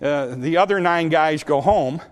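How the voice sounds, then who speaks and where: A man's voice: fairly high pitch, a little slow, in a large hall. A man teaching a Sunday school lesson, telling Bible stories and often repeating words as he starts his sentences.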